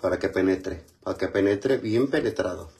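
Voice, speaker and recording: A man's voice: sits low, normal speed, darkish tone. A man with a Mexican accent chatting casually on a livestream, greeting viewers by name and using lots of slang while he goes through his skincare routine. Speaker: livestream host.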